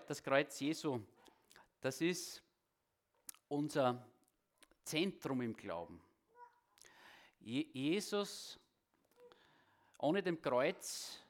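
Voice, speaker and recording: A preacher giving a sermon and prayer in a church hall, speaking with a halting delivery that often repeats words. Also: male voice, fairly high pitch. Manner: halting, repeats words, self-deprecating asides.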